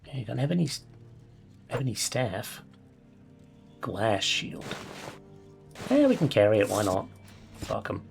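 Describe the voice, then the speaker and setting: A man's voice: fairly low pitch, sing-song, unhurried, vocal fry, pauses often, music in the background. A man hosting a let's play, casually reading off items, swearing and chuckling as he plays. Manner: mutters item names, swears, chuckles often. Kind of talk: casual gameplay commentary.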